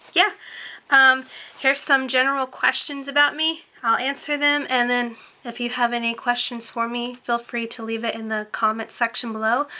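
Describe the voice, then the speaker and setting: A young woman talks straight to the camera in a relaxed Q&A vlog. Her voice is very bright and sits a little high. She rambles, filling her chatty answers with ums and likes. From born in Romania, raised in Tennessee. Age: 20s. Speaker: beauty vlogger. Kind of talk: casual Q&A chat to camera.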